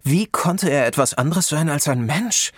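A man reading a fantasy story aloud in a measured, unhurried way. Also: fairly high pitch, animated, slightly rough, no echo, clean studio sound. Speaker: audiobook narrator. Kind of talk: scripted narration.

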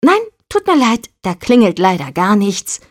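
A woman's voice: mid-range voice, very animated, moderate pace. A woman voicing a sarcastic, defiant young woman who argues stubbornly in a story. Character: sharp-tongued defiant young woman, boat builder's daughter.

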